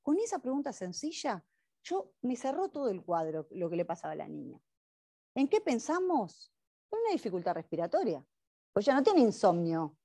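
A woman's voice: medium pitch, very animated, moderate pace, dark tone, dry recording. A woman, a speech therapist giving a lecture on a case study and posing rhetorical questions to her audience.

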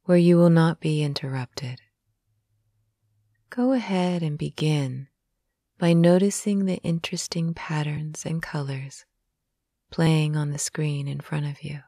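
A woman reading a guided sleep hypnosis in a slow, soothing, soft manner, with some phrases whispered. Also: sits low, no room sound, clean studio sound.

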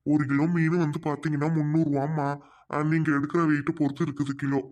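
Guy voicing an old cartoon fish seller, tired n patient, flat mellow voice. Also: a little high, fast talker, natural voice. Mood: pleading. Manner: pleading, patient. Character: weary older fish seller, poor father.

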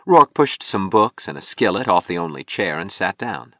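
A male audiobook narrator with a very deep voice and lively, rising and falling delivery. He tells the story in a measured, expressive way with a bright tone. The sound is dry and close, with no room around it. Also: no room sound.

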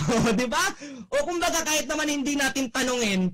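A young man giving a motivational testimonial speech, exclaiming and shouting, often tagging his lines with a questioning "no?". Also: very high-pitched, animated, fairly quick. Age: young adult. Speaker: network marketing speaker giving a testimonial.

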